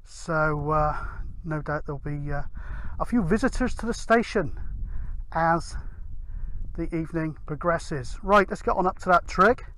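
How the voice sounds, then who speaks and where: Unhurried and a little high, with a sharp tone, the voice belongs to a middle-aged British man vlogging about amateur CB radio outdoors on open moorland. He narrates casually and matter-of-factly, rambling a bit, while the handheld camera records wind and outdoor sound.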